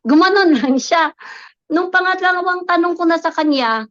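A woman's voice: very high voice, expressive, moderate pace, fairly bright tone, dry recording. A woman in her thirties giving an earnest personal faith testimony, switching between Tagalog and English as she tells her story. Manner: earnest, mixes Tagalog and English, acts out quoted dialogue. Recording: slightly dull lo-fi, dry sound.

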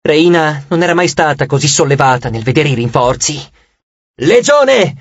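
A man's voice: on the high side, fairly quick, no room sound, highs cut off. A man narrating an audiobook with dramatic, scripted storytelling.

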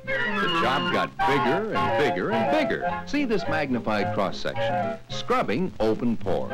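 A man narrating a scripted ad in a brisk, singsong announcer delivery, in the sound of a 1950s TV commercial broadcast. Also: mid-range voice, poor audio. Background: loud music.

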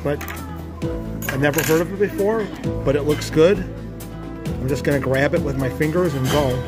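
Guy vlogging his buffet lunch, kinda high voice, rambly chatter over loud music. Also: moderate pace. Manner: chatty, rambling, talks while eating. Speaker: vlog host. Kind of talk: casual food-review vlog chat. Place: buffet restaurant, then outdoors.

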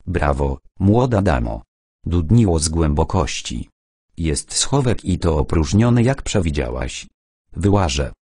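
A man reading an audiobook, voicing a bearded, eccentric older man who dowses for treasure and speaks in a deep, solemn rumble. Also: big pitch swings, a little slow, darkish tone, slightly rough, no echo, studio quality, full character voice.

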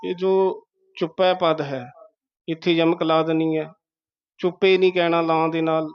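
A man giving a slow, patient pronunciation lesson, breaking words into syllables. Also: a little high, level tone, smooth, no echo, muffled recording. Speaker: teacher of scripture pronunciation.

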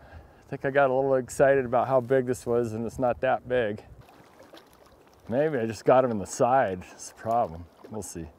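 A man's voice: medium pitch, normal speed, a little mellow. A middle-aged man hosting a fly fishing vlog outdoors on a river, casual and jokey, exclaiming when a fish strikes. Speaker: fly fishing channel host.

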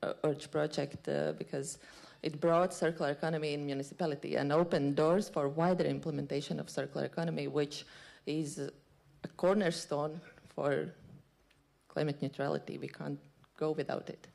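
Low gravelly-voiced woman panelist. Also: fairly even intonation, a little mellow. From Latvia. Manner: polite, measured, with hesitations. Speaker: panelist, circular economy expert. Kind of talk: panel remarks. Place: conference stage. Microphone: handheld mic.

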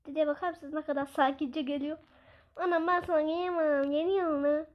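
Woman gamer, very high voice, chatty and excitable let's-play commentary. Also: moderate pace, dull audio. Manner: excitable, chatty, exclaiming, scolding the game aloud. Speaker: gaming video creator.

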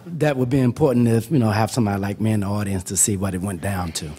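A man in the audience making a comment, halting as he thinks aloud, heard from a distance. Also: on the low side, fairly even intonation, warm tone, breathy edge. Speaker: audience member. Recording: distant from the mic.

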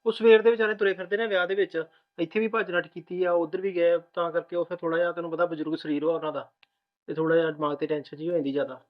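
An actor playing a new husband who rapidly reassures his bride that all is well. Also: a little high, flat delivery, muffled recording, lightly acted. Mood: reassuring. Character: young husband, reassuring and soothing. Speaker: groom. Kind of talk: village family drama acting.

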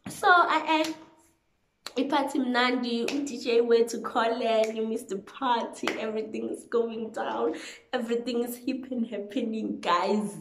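A young South African woman telling a story casually to camera in an animated, emphatic, chatty way, switching between languages. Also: on the high side, moderate pace. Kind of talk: casual storytelling to camera, mixing English and Zulu. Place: small living room, indoors. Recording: echoey untreated room.

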